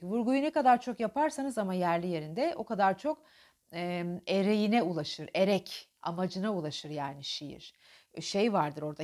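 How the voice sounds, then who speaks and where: A woman teaching diction, explaining pauses and stress and reciting poetry lines with strong emphasis. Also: fairly low pitch, a little mellow. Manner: alternates explanation with dramatic poem recitation, marked pauses and stress. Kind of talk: diction lesson with poetry reading.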